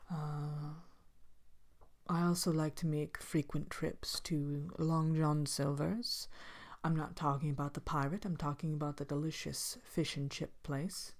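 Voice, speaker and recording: Speaking softly in a low-pitched voice, a woman takes the role of a vain, haughty evil queen for an ASMR fairy-tale roleplay. Her delivery is languid and droll, broken by hesitant pauses and occasional whispers.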